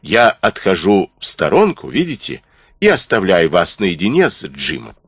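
A crafty old pirate cook pleads in a deep, husky murmur, read by a man. The audiobook voice rises and falls freely, close and dry with no room sound. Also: wildly swooping pitch, normal speed, dry recording, full character voice. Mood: pleading.

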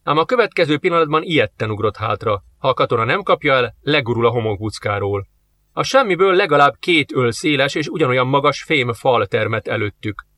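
A man narrating an audiobook with steady storytelling. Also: mid-range voice. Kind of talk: scripted narration.

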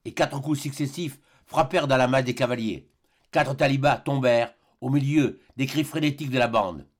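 Man narrating an adventure novel. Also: medium pitch. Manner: measured, dramatic storytelling. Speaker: audiobook narrator.

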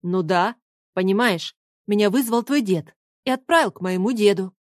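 A woman with a mid-range voice, lightly acting, plays a puzzled young man at a normal speed. The recording is dry and studio quality.

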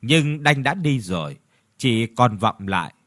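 A man narrating a scripted horror story in a dramatic, steady storytelling manner, over faint background music in a reverberant space. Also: mid-range voice, a little slow, studio quality.

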